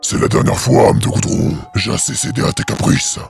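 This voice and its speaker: A man voicing a menacing male demon who rules a realm of souls, speaking slowly and coldly in a gravelly, breathy whisper. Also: darkish tone, soft background music, natural voice. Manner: slow, cold, threatening.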